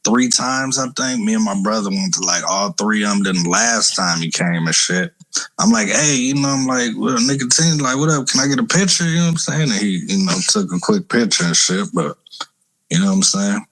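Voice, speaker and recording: A man's voice: on the low side, expressive, moderate pace, fairly bright tone. A man chatting casually as a co-host, laid-back and slangy, with "you know what I'm saying" in almost every turn. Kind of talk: casual chat.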